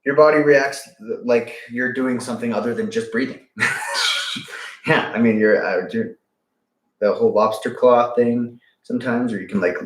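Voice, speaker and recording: A man co-hosting a casual book discussion who talks haltingly, searches for his words and swears. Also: medium pitch, roomy sound. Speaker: podcast co-host.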